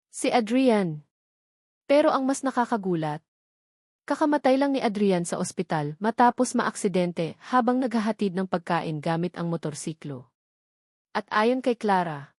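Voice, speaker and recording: A woman's voice: mid-range voice, a little mellow, no echo, clean studio sound. A woman narrating a dramatic first-person family story in short, punchy sentences, voicing every character in the same voice.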